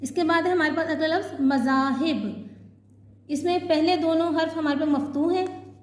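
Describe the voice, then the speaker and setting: A woman teacher giving a pronunciation lesson, slowly and deliberately spelling out the vowel marks of each word. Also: high voice, echoey room.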